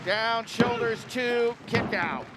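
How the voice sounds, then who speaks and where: High-voiced man calling wrestling action. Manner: excitable, quick calls of the action. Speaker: play-by-play commentator. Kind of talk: live wrestling commentary. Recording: loud arena crowd and noise.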